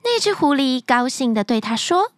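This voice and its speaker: A woman with a high-sitting voice narrates a bedtime fairy tale for kids at normal speed, her storytelling lilting and full of expression. The close-miked sound has no echo.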